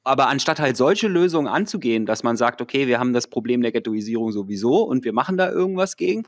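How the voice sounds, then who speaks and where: A man's voice: mid-range voice, lively intonation, quick pace, dry recording, studio quality. A man from Berlin co-hosting a podcast, arguing his points in casual political discussion. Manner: argumentative, explains with examples. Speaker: podcast co-host.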